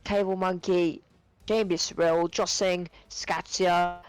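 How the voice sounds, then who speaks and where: A man giving live sim racing commentary, excitable and rambling with many fillers, his voice going hoarse and cracking. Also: high-pitched, takes it slowly, dry recording, poor audio. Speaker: race commentator.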